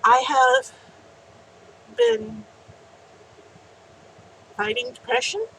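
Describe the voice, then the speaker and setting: Slow, earnest woman reading a heartfelt message. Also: sits high, sing-song, vocal fry, a bit bright, a little hiss or hum, poor audio. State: teary. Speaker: vlogger. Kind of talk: personal vlog, reading a written message then chatting.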